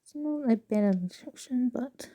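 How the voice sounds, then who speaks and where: A woman casually reading passages aloud with a halting, stumbling delivery and soft asides. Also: on the high side, lively intonation. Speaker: video creator reading excerpts aloud.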